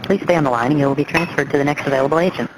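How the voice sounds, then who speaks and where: A man's voice: on the high side, rapid-fire. Sped-up chipmunk voice of a man. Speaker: automated hold message. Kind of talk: recorded phone hold announcement. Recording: scratchy sped-up phone playback. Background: scratchy old waltz music.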